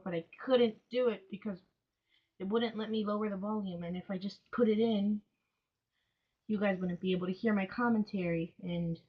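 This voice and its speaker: A woman's voice: mid-range voice, husky. A woman giving casual, self-mocking commentary while she does a craft project, groaning dramatically now and then. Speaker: vlogger. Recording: dull, lo-fi home recording.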